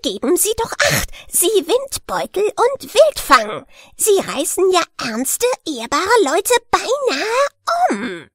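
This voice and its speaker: A woman's voice: fairly high pitch, wildly swooping pitch, slow pace, no echo, clean studio sound, heavily acted. A woman voicing a grumpy old male willow stump in a storybook, scolding and growling. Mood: angry.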